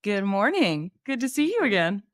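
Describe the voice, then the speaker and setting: A woman co-hosting a podcast, chatting in a friendly, expressive way and laughing easily. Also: mid-range voice, moderate pace, no echo, studio quality. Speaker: podcast co-host. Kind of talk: casual podcast chat.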